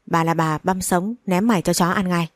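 A woman's voice: on the low side, fairly even intonation, normal speed, dry recording, studio quality, natural voice. A woman reading as a harsh, foul-mouthed mother-in-law. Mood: furious. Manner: shouting insults.

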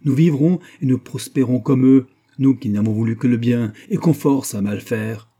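A man's voice: lowish voice, fairly even intonation, moderate pace, warm tone, slightly rough. Impassioned young lover, voiced by a man. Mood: passionate. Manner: intense, impassioned. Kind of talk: audiobook reading.

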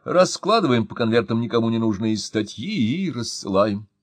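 A man reading an audiobook, voicing an anxious, conspiratorial middle-aged son who speaks in a hushed way. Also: mid-range voice, very animated, normal speed, no room sound. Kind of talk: audiobook character voice.

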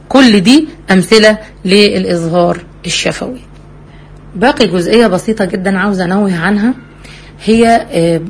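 A woman with an Egyptian Arabic accent teaching a tajweed lesson. She asks questions and answers them herself, and she recites examples slowly between quick explanations. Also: medium pitch.

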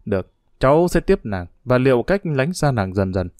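A man voicing a troubled young man in a storybook reading, answering in quick, tense lines. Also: mid-range voice, very animated, a little mellow, no echo, clean studio sound, close to an everyday voice. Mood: weary.

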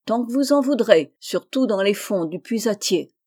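A woman's voice: mid-range voice, expressive, normal speed, dark tone, husky. A woman voicing a middle-aged country landowner, hearty and firm in his commands, in a read-aloud story.

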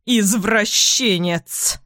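A woman voicing a furious middle-aged mother in an audiobook, shouting scornful accusations. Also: medium pitch, lively intonation, slow pace, dry recording, studio quality. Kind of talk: audiobook character voice.

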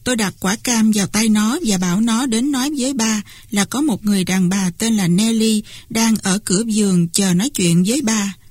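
A woman reads a classic novel aloud in a steady first-person telling, her voice of middling pitch with a husky grain. The recording is close and dry, with no room sound. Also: normal speed, hardly any pauses, no room sound. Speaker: audiobook narrator. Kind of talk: scripted narration.

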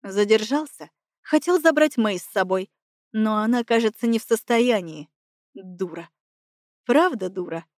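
A woman voicing a smug, cynical young man who talks in a mocking, unhurried drawl, lower than her own voice. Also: dry recording, clean studio sound, natural voice.

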